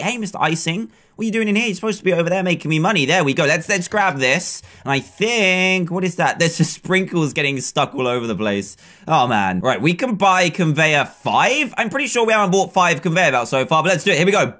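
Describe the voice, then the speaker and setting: A young English man rattles through gameplay commentary with bright, bouncy excitement, breaking into laughs and exclamations. His voice sits a touch high for a man, close to a desk mic in a small room. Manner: upbeat, exclamatory, laughs often. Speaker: gaming video host. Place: small room, webcam corner.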